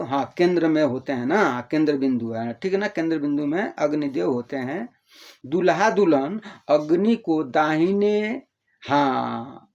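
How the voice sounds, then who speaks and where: A man's voice: a little high, darkish tone. Older man, rambling and repetitive, lo-fi. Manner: rambling, repeats words, plays out imagined listeners' replies; addresses listeners as "babu". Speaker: explainer. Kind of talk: casual spoken explanation. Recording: dull lo-fi audio.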